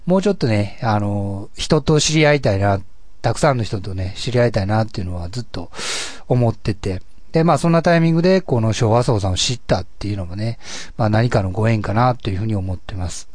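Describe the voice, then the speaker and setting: Man, gravelly husky voice, casual solo podcast talk, dry close sound. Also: fairly low pitch, animated, fairly quick, a little mellow, no echo. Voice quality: husky, gravelly voice, often taken for having a cold. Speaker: podcast host and amateur musician.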